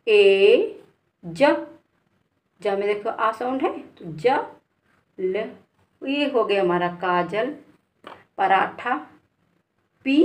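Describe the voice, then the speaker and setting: Very slow Indian woman teacher. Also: mid-range voice, fairly bright tone. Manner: slow, spells letter by letter, addresses learners as "beta". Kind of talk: beginner spelling lesson.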